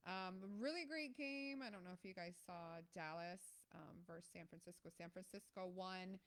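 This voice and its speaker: Ohio woman streaming a game, chatty, lots of ums, gets loud when a play happens. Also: on the low side, normal speed. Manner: chatty, lots of ums, excited outbursts at plays. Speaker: live stream host. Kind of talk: casual live game commentary.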